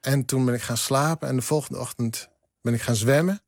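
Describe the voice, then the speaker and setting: A man whose first language is Frisian, a poet reading his own poem slowly and then talking about it in a radio studio interview. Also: medium pitch, no room sound. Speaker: poet, guest.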